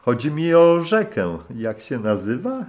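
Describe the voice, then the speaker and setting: A man voicing a flustered, quick-tempered young traveler in an audiobook. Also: a little high, very animated, a little mellow, lo-fi sound, pitched above the performer's own voice. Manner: stammering, then snapping back.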